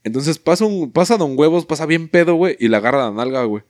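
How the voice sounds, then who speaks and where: A man's voice: on the high side, animated, quick pace, darkish tone, no room sound, clean studio sound. A young man with a Mexican Spanish accent, telling crude, slang-filled stories in a casual chat and swearing constantly.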